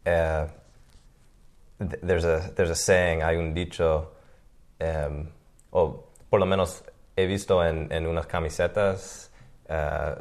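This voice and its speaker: A man from Maine, chatting hesitantly in a casual conversation, restarting his words often. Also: very deep voice. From Maine, USA. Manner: hesitant, halting with many restarts. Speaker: conversation partner. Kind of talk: casual chat in Spanish.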